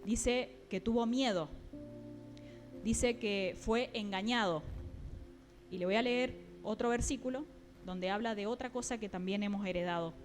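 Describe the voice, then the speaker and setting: A woman preaching a sermon, often pausing with fillers and checking in with her listeners. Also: medium pitch, faint music behind. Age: adult, mother.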